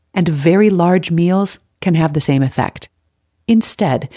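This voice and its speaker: A woman's voice: on the low side, darkish tone. A woman hosting an advice podcast, reading scripted tips in an upbeat, tidy, organized way. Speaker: podcast host giving nutrition advice.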